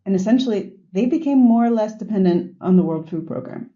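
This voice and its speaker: A woman in her forties with a Boston accent answers interview questions in a reflective, storytelling manner, pausing on small fillers. Her voice is mellow and soft-edged. The recording sounds dull and lo-fi, like a remote call. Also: mid-range voice, expressive. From north of Boston, US. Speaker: podcast guest.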